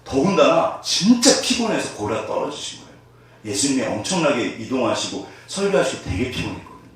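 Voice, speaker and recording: A man's voice: mid-range voice, brisk. A male pastor preaching a sermon, often putting questions to his congregation. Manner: animated, asks the congregation questions. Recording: echoey room from far off.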